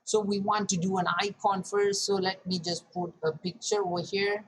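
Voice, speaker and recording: A woman talking fast through a casual screen-share tutorial as an online marketing instructor, repeating words and often saying "guys". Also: medium pitch, level tone, slight background noise, poor audio.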